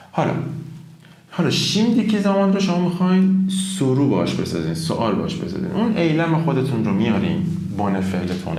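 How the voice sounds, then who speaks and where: A man's voice: fairly low pitch, a little mellow, slight background noise. A man teaching a casual language lesson at a whiteboard, chatty and improvising, telling his viewers to repeat after him. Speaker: Turkish teacher. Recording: roomy echo.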